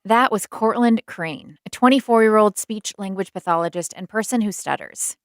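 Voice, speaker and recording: A woman hosting a podcast, asking guests gentle, searching questions and introducing clips. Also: mid-range voice, normal speed, no echo, soft background music. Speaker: podcast host. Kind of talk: interviewing and narrating.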